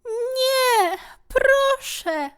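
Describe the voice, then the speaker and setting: A tiny, timid fear creature from a children's storybook squeaks and whimpers in a meek, polite voice, put on by a woman narrator. The voice sits far above her own and swoops widely. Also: very animated, takes it slowly, fairly bright tone, exaggerated voice. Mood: frightened.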